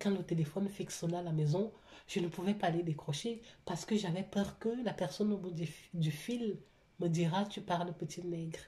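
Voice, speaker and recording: Woman, foreign accent, lowish voice, mellow tone, halting confessional talk. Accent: foreign accent in French. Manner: halting, many restarts and fillers. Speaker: vlogger, single mother.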